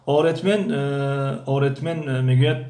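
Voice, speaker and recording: A man teaching a language lesson from a textbook, explaining phrases with many hesitations and slow repetitions. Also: mid-range voice, steady tone, dark tone. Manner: hesitant, many pauses and fillers, repeats phrases slowly. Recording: echoey room.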